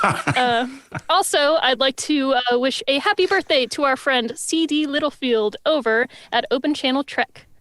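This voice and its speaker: A woman's voice: high-pitched, moderate pace, a bit bright, dry recording. A woman co-hosting a live-streamed podcast, making upbeat announcements full of puns. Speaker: podcast co-host.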